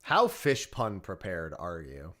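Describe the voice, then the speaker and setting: A man's voice: deep voice, huge pitch swings, takes it slowly, fairly bright tone. A man hosting a stream, talking casually in a group voice chat. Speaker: stream host.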